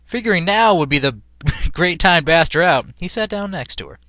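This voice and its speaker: A man reads fan fiction aloud as an amateur, hamming it up mock-dramatically and breaking into amused laughter. His slightly high voice is pushed and bright, with lively intonation at normal speed, and there's no echo.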